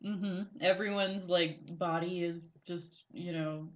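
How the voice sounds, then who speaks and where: A woman's voice: fairly low pitch, steady tone, slow pace. A woman co-hosting a podcast, chatting casually and rambling through a recap with lots of fillers and giggles. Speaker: podcast co-host. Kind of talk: casual chat.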